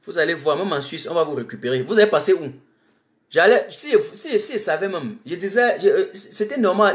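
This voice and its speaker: A man from Cameroon, giving an emphatic, repetitive live-streamed political monologue full of rhetorical questions. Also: fairly high pitch.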